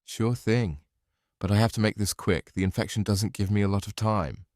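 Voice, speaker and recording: A man's voice: on the low side, normal speed, darkish tone, dry recording, clean studio sound, pitched below the performer's own voice, lightly acted. A man voicing a blunt, ruthless warrior of the war gods in a fantasy tale. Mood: eager, blunt.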